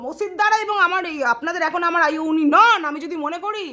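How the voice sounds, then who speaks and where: Fast, high-pitched, insistent woman. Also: pushed and bright. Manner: insistent, indignant, rapid-fire questioning. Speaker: complainant at a police station. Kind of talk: heated argument recorded on her own phone. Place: police station room. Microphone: her own phone, held close.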